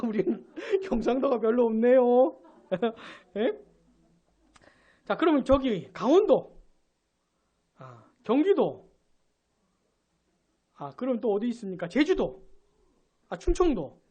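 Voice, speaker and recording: A male pastor giving a live Sunday sermon, asking his congregation questions and building to loud emphatic peaks. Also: high-pitched. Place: church sanctuary.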